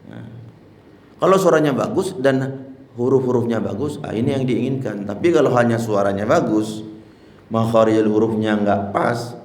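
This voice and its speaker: A man's voice: mid-range voice, moderate pace, a little mellow, reverberant. A male Islamic teacher giving a religious lesson on prayer, explaining plainly and breaking into chanted demonstrations. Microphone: handheld mic.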